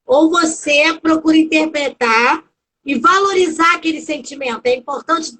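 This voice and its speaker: A woman's voice: sits high, moderate pace, bright, forceful tone, low-quality recording. A woman interviewing a guest over a video call, asking plain questions and cutting in mid-answer.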